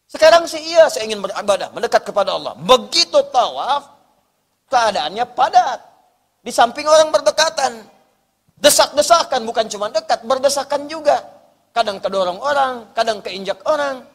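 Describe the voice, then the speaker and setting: Animated high-voiced male preacher in a hall. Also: normal speed. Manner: animated, rising to emphatic bursts and dropping to soft storytelling. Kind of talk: sermon. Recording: long hall reverb.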